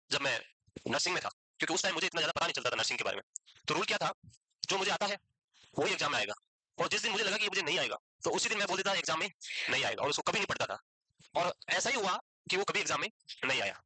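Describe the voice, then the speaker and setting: Young male nursing tutor, rapid-fire and bright, dry close sound. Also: a little high, dry recording, rough recording. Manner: chatty, reassuring, tells anecdotes and mimics students. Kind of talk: casual Hindi lecture.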